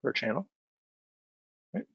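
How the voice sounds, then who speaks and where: Speaking slowly, a man runs a casual software demo as a webinar trainer, explaining each step conversationally and frequently checking in with short tags such as "right?". His voice is captured close and dry, sounding dull and band-limited without any echo.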